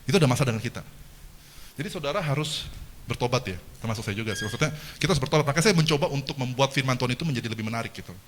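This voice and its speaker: A man giving a lively seminar lecture, asking the audience questions and joking with them. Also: medium pitch, very fast, a little hiss or hum. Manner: animated, engages the audience with questions and jokes. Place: lecture hall.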